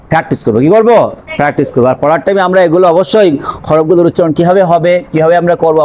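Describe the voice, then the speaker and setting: A woman teaching Quran pronunciation in Bengali, repeating syllables in drills and asking quick check questions. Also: fairly low pitch, dark tone, rough recording. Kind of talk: recitation lesson with call and response.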